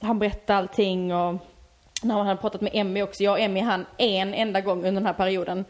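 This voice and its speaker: A woman telling a story in casual chat, emotional and quick to laugh. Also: mid-range voice, flat delivery, darkish tone.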